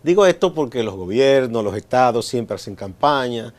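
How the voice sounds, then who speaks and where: A man with a Dominican Spanish accent leads a studio talk show discussion. He speaks in a measured, explaining way and fills his pauses with "eh". His pitch sits in an ordinary middle range. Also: animated, a little mellow. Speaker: host.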